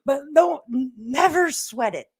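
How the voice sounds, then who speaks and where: A high, animated, slightly mellow voice belongs to an older woman hosting a livestream at a somewhat slow pace. Folksy, sassy and slangy, she chats plainly and reads viewer comments aloud through a standalone mic by her laptop.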